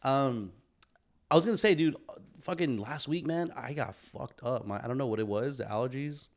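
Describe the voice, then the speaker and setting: This young podcast co-host speaks at medium pitch and a moderate pace. He chats casually, rambling, swearing, and using slang, with "bro" and "dude" coming up constantly.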